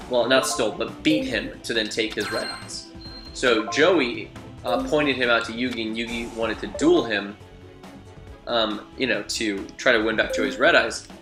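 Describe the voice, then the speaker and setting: A young man hosting a game playthrough, commenting in an excitable way with swearing and laughs. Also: medium pitch, reverberant. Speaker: let's play host. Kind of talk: gameplay commentary.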